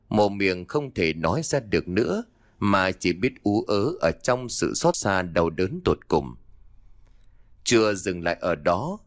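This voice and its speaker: Low-voiced man narrating a dark tale. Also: dry recording, clean studio sound. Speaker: audiobook narrator. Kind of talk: dramatic story narration.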